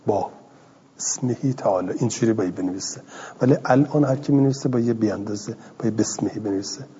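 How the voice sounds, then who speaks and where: A middle-aged man teaching a grammar class, reading a line of text and then explaining it slowly and patiently. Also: medium pitch, dark tone, breathy edge. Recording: dull lo-fi audio in a hall.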